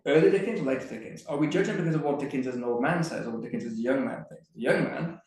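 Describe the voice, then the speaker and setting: Halting man in a very echoey room. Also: medium pitch, darkish tone. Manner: thinks aloud with frequent restarts. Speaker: panel speaker on Dickens's plays. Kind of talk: live panel discussion. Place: museum event room.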